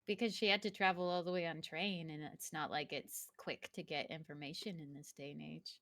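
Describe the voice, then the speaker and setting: A woman's voice: low-pitched, fairly even intonation, brisk, a bit bright. A woman player in a tabletop game, casually chatting and asking questions.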